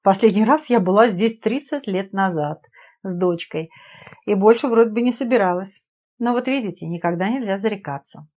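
A woman's voice: medium pitch, moderate pace, close to an everyday voice. Nadezhda, a woman voicing a feisty middle-aged female sleuth. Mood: indignant. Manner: indignant, sharp-tongued. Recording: dull lo-fi audiobook recording.

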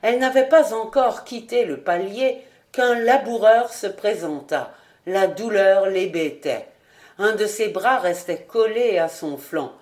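A woman narrating a literary audiobook in a measured, clear reading voice. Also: mid-range voice, darkish tone. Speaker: audiobook reader.

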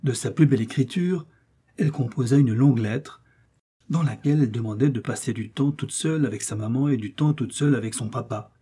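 A man reading a children's story aloud with a gentle, expressive delivery. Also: mid-range voice, a little fast, slightly rough. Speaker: narrator.

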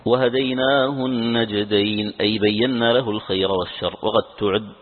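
A man reading a classical commentary aloud to his teacher, briskly, with occasional stumbles and restarts. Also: fairly low pitch, steady tone. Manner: brisk recitation with occasional stumbles and self-corrections. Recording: tinny phone-like lecture recording with long hall reverb.

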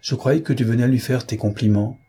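A man voicing a wry, amused young man in an audiobook, with a husky voice. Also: medium pitch, fairly even intonation, a little fast, warm tone. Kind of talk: audiobook character reading.

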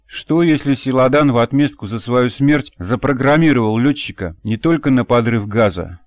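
A man narrating an audiobook in an even, measured reading voice. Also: mid-range voice, dry recording. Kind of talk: scripted narration.

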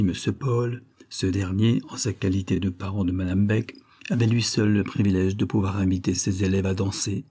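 Low husky guy reading a classic novel aloud, dark mellow tone. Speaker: audiobook narrator. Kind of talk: literary audiobook narration.

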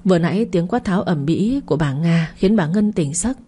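Husky-voiced woman narrating a drama story. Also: on the low side, expressive, fairly quick, warm tone.

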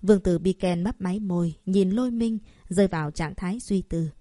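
A woman's voice: lowish voice, brisk, warm tone, no room sound. Woman narrating a novel, dry close sound. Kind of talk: audiobook narration of a web novel.

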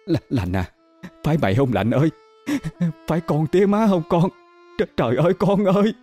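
A man's voice: a little high, lively intonation, moderate pace, mellow, soft background music, pitched above the performer's own voice. A man voicing a poor peasant mother, sobbing and crying out. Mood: anguished.

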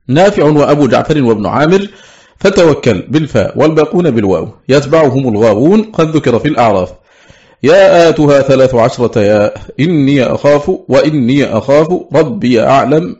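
Male reader of a classical text, measured and exact, mid pitch, muffled lo-fi recording. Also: darkish tone. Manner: measured and precise, slowing to recite quoted words. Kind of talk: formal reading of a scholarly book. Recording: dull lo-fi recording.

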